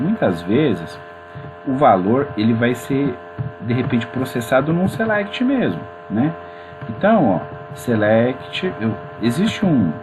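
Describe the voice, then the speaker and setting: A man teaching a programming class in a casual, chatty way, talking viewers through his screen. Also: medium pitch. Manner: chatty and informal, addresses viewers as gente. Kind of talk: screen-recorded coding tutorial. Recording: mains hum in background.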